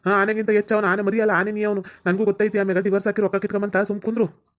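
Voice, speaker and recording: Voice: medium pitch, little pitch movement, racing. A voice actor with a North Karnataka Kannada accent playing a bossy village elder in a cartoon comedy. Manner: bossy, ordering others about.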